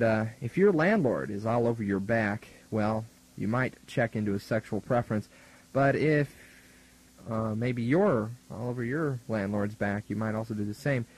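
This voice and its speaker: A young adult American student works the radio studio as a DJ, casually and wryly chatting and introducing music. Captured on poor-quality 1980s college aircheck tape, his medium-pitched voice is slightly mellow at a moderate pace.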